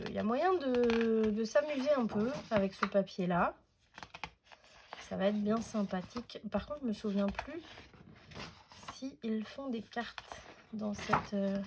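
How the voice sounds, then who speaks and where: A woman's voice: medium pitch, noisy background. Chatty French-speaking woman crafting tutorial. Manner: chatty, hesitant with many fillers. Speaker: scrapbooking tutorial host.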